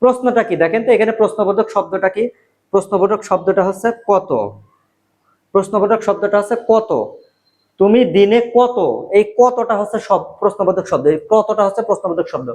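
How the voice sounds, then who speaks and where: A man teaches in a casual video lesson. He repeats each word slowly, poses a question and then answers it himself. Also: high-pitched, darkish tone. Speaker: language teacher.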